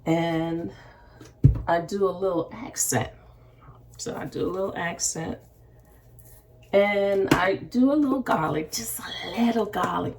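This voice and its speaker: A woman hosting a casual cooking demonstration in a kitchen, chatty and meandering as she talks straight to viewers. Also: mid-range voice. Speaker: cooking show host. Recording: distant mic with faint room noise.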